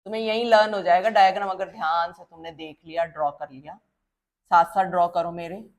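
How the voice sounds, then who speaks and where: A woman teaching a biology lesson while drawing. She keeps quizzing her students and answers her own questions, and she slows right down to drill key terms. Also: lowish voice, steady tone. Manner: drills terms slowly and repeats them.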